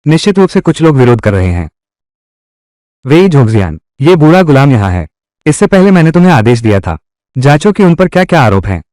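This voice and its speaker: A scheming, taunting young emperor. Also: male voice, a little high, sing-song, a little fast, darkish tone, no echo, studio quality. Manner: taunting, with sly chuckles. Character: scheming young male emperor, mocking and cunning. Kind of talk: Hindi dub of a historical drama.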